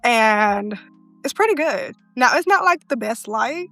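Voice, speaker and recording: This content creator walks viewers through her living-room filming setup in a relaxed home tour vlog, talking directly and chattily to camera with a wireless mic in hand. Her soft voice sits a little high, is expressive, and runs a little slow. The recording is dry and close, with no room sound and faint background music.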